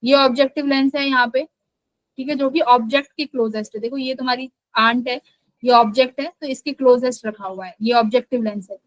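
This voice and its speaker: A woman's voice: high voice, steady tone, fairly quick, dry recording, poor audio. A young adult woman teaching physics in a live online class, explaining patiently and often checking that the students follow.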